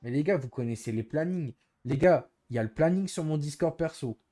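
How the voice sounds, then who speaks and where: Male streamer, mellow voice, exasperated, repeating himself to chat. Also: on the high side, lively intonation, a little fast. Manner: exasperated, explaining himself over and over. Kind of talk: casual live-stream chat to viewers.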